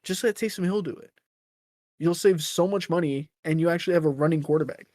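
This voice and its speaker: A man with a fairly high voice co-hosts a casual sports podcast. He rambles through loose explanations and keeps correcting himself. The sound is close and dry, with no room around it. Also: fairly quick, a little mellow, no echo. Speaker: podcast co-host.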